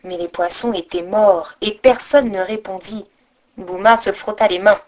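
A woman reading a folk tale aloud as storyteller, expressive, with sung-out sound effects. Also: mid-range voice, measured pace. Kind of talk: storybook narration.

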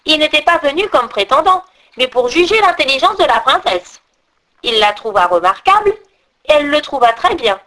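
A chatty, know-it-all crow from a storybook, as a woman reads her, in a high voice that leaps up and down. She explains at length, confiding and a little self-important. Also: very animated, moderate pace, a bit bright. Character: talkative old crow, female, know-it-all. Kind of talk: storybook reading.

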